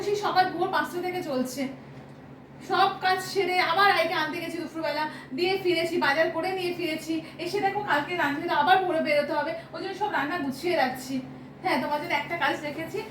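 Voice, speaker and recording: A woman with a West Bengal accent complaining in a casual domestic argument at home, talking quickly with many fillers. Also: very high voice, a bit bright, slight background noise. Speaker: vlogger and homemaker. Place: home kitchen. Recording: roomy and distant.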